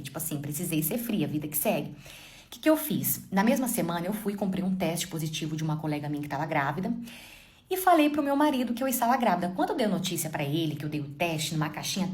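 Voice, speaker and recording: Woman, low voice, rapid dramatic storytelling, young adult. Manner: dramatic, addresses listeners directly. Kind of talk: casual first-person storytelling.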